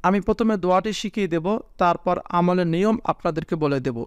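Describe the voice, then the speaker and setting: A man teaching a prayer to viewers, spelling out the Arabic letters slowly and patiently with a Bangladeshi Bengali accent. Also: sits high, clean tone, no echo, dull audio. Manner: slow, patient spelling of Arabic letters, drawn-out chanted recitation. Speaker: religious teacher.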